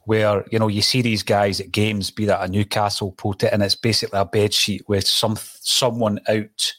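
A Scottish man with a broad accent hosts a football talk show in a conversational way. His voice sits fairly low, and the sound is dry and close. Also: flat delivery, normal speed, fairly bright tone, no echo. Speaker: podcast host.

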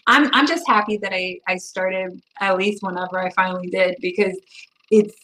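A woman's voice: medium pitch, fairly even intonation, moderate pace, bright, forceful tone, rough recording. A woman hosting a casual weekly interview, chatty and encouraging, with frequent "like" fillers. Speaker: podcast host.

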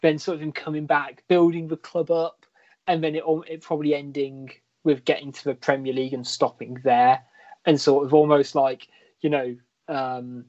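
A man's voice: on the high side, little pitch movement, normal speed, a little mellow, no room sound, dull audio. A man co-hosting a casual football podcast, rambling and hedging as he thinks aloud. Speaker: podcast co-host.

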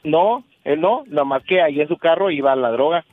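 A man calling in to a radio show, his voice a little higher than most men's. He tells his story haltingly with lots of fillers, his pitch rising and falling lively. The line sounds dull and lo-fi. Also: a crowd in the background. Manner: hesitant storytelling, many fillers. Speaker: caller.

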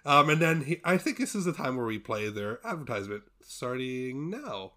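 A man's voice: a little high, sing-song, fast, bright, forceful tone, faint music behind. A young man in his twenties co-hosting a podcast, chatting casually and joking with playful pomp. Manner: jokey, playful pomp in mock titles. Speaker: podcast co-host. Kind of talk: casual chat.

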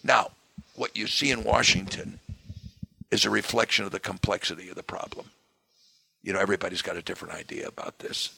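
Hoarse male guest, raspy tone, dry close sound, punchy delivery. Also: low voice, a little fast, bright, forceful tone, dry recording. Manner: emphatic, punches key words. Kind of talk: political interview conversation.

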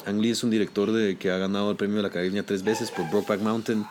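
A man with a Guatemalan accent, an actor telling stories from his career in a casual interview, animated and full of slang, acting out the voices he quotes. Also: on the low side, fast, noisy background. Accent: Guatemalan Spanish. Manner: animated storytelling, heavy slang, acts out quotes.

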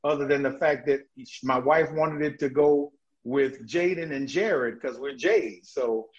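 A man talking as a guest in a casual interview, an energetic storyteller who laughs often and restarts his sentences. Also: mid-range voice, unhurried. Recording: dull lo-fi audio.

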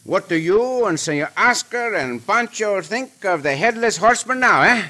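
A dashing, commanding cowboy hero with a Mexican accent in an old radio western. His voice is high for a man, very bright and lively, with formal phrasing. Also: moderate pace. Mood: amused. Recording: faintly noisy old radio recording.

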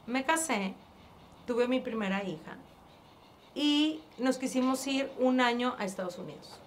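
Woman, northern Mexican accent, interview guest, animated storytelling, fairly high pitch. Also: measured pace, a little hiss or hum. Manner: animated, acts out past dialogue, frequent restarts.

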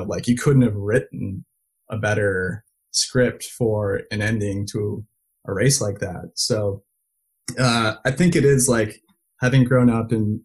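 A man from the United States and Belgium tells casual stories as an interview guest, his talk full of filler "likes" and restarts. He has a fairly low, breathy voice, captured on a rough recording.

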